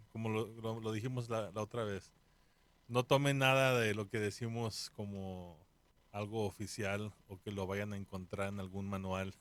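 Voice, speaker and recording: Relaxed man, low-voiced. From Mexico. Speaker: podcast co-host. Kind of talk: casual podcast chat.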